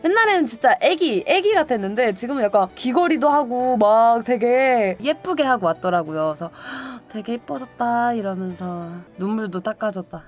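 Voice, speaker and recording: A young woman streamer telling stories to her viewers in casual chat, animated, laughing often and acting out other people's voices. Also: a little high, a little fast, few pauses, faint music behind.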